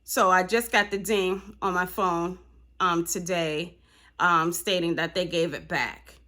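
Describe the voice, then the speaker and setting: Over loud background music, a woman talks to her viewers as a parent in a casual vlog, heated and indignant, with frequent "you know what I'm saying" and angry outbursts. Her voice is fairly low, her intonation fairly even, and she keeps a measured pace.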